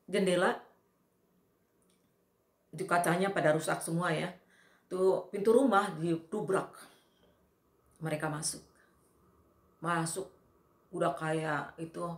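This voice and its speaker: A woman's voice: on the low side, gravelly. A woman giving an earnest eyewitness testimony, telling the story with repetition. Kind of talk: personal testimony. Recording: echoey room.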